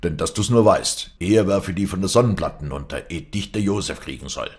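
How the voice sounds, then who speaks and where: A man's voice: deep voice, expressive, a little fast. A man voicing a stern, angry peasant father who mutters through his teeth.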